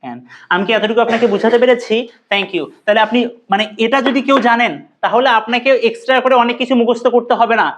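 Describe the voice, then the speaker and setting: A woman teaching English pronunciation. She keeps firing quick questions at her students and coaxes answers out of them. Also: a little high, steady tone. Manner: quizzing students, brisk and coaxing. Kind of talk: classroom lesson. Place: classroom with students.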